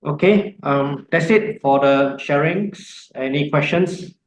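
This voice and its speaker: A man leading an online course orientation, talking haltingly with many ums and uhs. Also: fairly high pitch, echoey room, low-quality recording. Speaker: course instructor.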